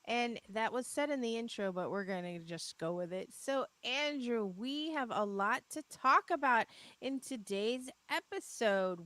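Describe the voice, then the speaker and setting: Lively, chatty woman podcast host. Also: mid-range voice, no echo. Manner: chatty, laughs often, upbeat. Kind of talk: casual live-stream chat.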